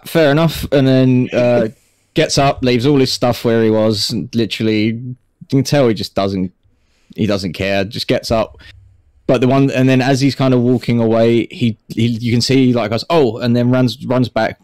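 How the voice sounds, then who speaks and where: A man's voice: medium pitch, fairly even intonation, moderate pace, a little mellow, no room sound. A man playing a tabletop game, rambling through his character's actions and laughing often. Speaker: player.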